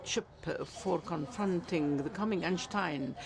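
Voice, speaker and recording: A woman interprets a speech live into English, halting now and then and restarting awkwardly phrased sentences. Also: on the low side. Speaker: simultaneous interpreter.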